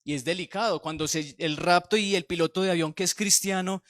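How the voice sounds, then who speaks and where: A man's voice: sits high, brisk, fairly bright tone, no room sound, studio quality. A man with a Colombian Spanish accent preaching a conversational sermon as pastor, sometimes acting out the voices he quotes.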